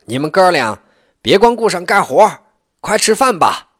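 A woman's voice: extremely low pitch, expressive, normal speed, a bit bright, husky, no echo, whispered, studio quality, exaggerated voice. A man doing a tender old peasant mother. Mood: calling out.

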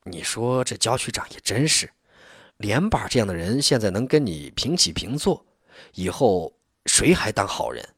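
A man's voice: on the low side, sing-song, normal speed, fairly bright tone, husky, dry recording, studio quality, heavily acted. A man doing an earnest militia captain. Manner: earnest, plain-spoken. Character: loyal, practical male militia captain.

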